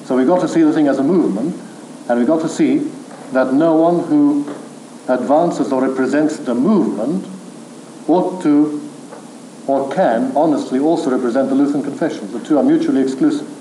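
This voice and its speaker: A theology lecturer speaks in a mid-range, mellow, dark voice, delivering his lecture in a measured, firm manner, with questions from the floor. The echoey sound and faint hiss suggest a hall recording.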